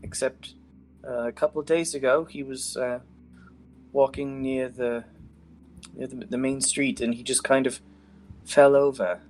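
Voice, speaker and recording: Man voicing a hesitant, higher-pitched woman healer. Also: steady tone, a little mellow, natural voice. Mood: puzzled. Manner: halting, tentative. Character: hesitant, apologetic female resident healer, unsure of herself.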